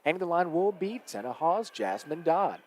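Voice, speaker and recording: A man calling live high school basketball play-by-play, quick and energetic as the action rises. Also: a little hiss or hum. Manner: rapid and energetic, rising with the action. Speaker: play-by-play announcer.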